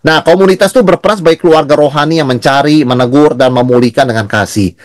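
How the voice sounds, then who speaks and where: A man's voice: a little high, quick pace, no room sound, clean studio sound. A male pastor teaching a Bible study in a conversational way, often asking and answering his own questions. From Indonesia.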